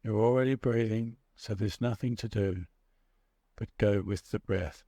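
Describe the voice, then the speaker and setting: A man narrating a guided meditation as a guide, speaking in a measured, soothing way with pauses between short phrases. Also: fairly low pitch, dark tone, no room sound.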